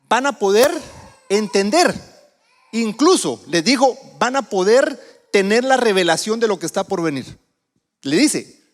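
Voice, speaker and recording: In a church sanctuary with the sound of a large hall, a visiting preacher from Guatemala gives a sermon. He has a high voice, speaks conversationally, and puts questions to the congregation.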